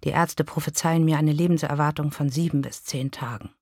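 Woman doing a dying man, whispery, faint, low, dry close sound, storybook reading. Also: steady tone, brisk, a little mellow, dry recording. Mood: weary, rueful. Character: dying middle-aged man, weak and rueful.

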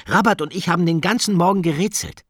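A man voicing an eager, excited schoolgirl in a children's audiobook, talking fast and breathlessly. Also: high voice, slightly rough, dry recording, clean studio sound, voice pushed up.

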